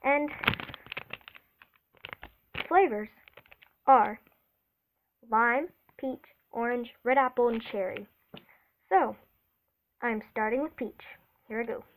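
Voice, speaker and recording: A woman's voice: fairly high pitch, takes it slowly, pauses often, low-quality recording. A woman vlogging a casual taste test, chatty and eager, reacting aloud as she tries each one.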